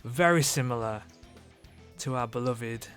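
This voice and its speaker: A podcast host chats casually, joking in a mock-earnest and sweary style. His voice sits at a medium pitch with a fairly bright tone and a measured pace. Music plays behind him.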